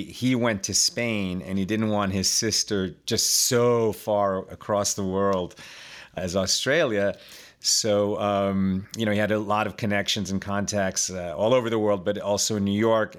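A Chilean man in his fifties, appearing as a podcast guest, tells his life story in a loose, conversational way. His voice is lowish, and his speech is full of fillers and repeated words.

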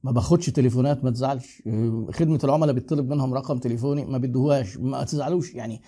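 A man's voice: mid-range voice, dark tone. A middle-aged man with an Egyptian accent, chatting casually as a host and giving advice to viewers. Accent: Egyptian Arabic. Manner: fast, chatty, lecturing with asides.

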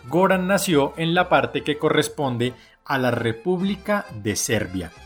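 A man hosting and narrating a documentary segment in a measured, explanatory way. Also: medium pitch. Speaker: program host and narrator.

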